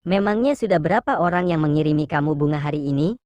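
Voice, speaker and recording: A woman's voice: low-pitched, expressive, fast talker, darkish tone, dry recording, pitched below the performer's own voice. A woman reading an audiobook, voicing a stern adult man who asks curt, teasing questions over the phone. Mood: irritated. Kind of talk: audiobook character voice.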